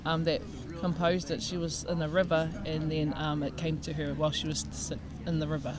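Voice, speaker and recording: A woman with a New Zealand accent talks in a relaxed, rambling way, full of little hesitations. She's recorded outdoors at a busy gathering, with clear crowd chatter around her. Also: low voice, brisk. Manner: relaxed, chatty, with many ums and laughs. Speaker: art teacher, interviewee. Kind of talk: casual chat. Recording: outdoor crowd noise behind.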